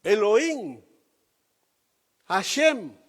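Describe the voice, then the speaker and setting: A male pastor preaches slowly and emphatically, pausing on rhetorical questions to the congregation. His voice sits high and swings widely in pitch. The sound carries a long hall reverb. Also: very animated. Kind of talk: sermon.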